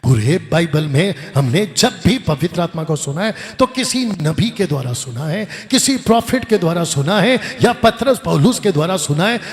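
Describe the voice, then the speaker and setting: A man's voice: high voice, expressive, moderate pace, few pauses. A middle-aged man preaching a fervent, exhorting sermon at a conference in a large hall. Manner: fervent, exhorting, repeats "come on". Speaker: pastor. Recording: long hall reverb.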